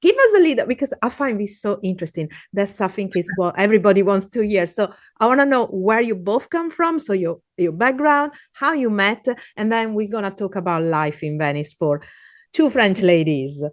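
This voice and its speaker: A woman with an Italian accent hosting a casual interview chat, animated and talkative, laughing often. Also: mid-range voice, normal speed, no room sound, clean studio sound. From Italy. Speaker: podcast host.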